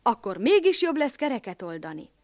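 A woman voicing a fearful, whiny old male rooster in a storybook reading, with shrill squawking cries. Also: very animated, a little mellow, dry recording. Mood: fretful.

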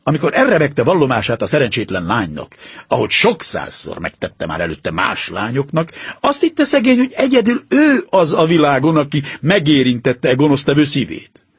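A composed, exacting detective, as a male reader plays him, measured and authoritative, with a slightly raised, husky voice full of lively shifts in pitch. The audiobook reading is dry and close to the mic. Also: no room sound, full character voice. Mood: explaining. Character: calm, stern male detective, confident and precise.

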